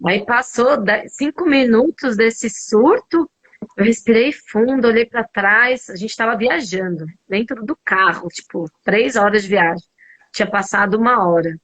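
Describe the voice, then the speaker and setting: A woman with a Brazilian Portuguese accent speaks in a relaxed, conversational way, sharing a personal story with a circle of listeners. Her voice sits a little on the high side, and she keeps sprinkling in small verbal fillers as she goes. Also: measured pace, rough recording. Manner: chatty, full of fillers like "né" and "cara".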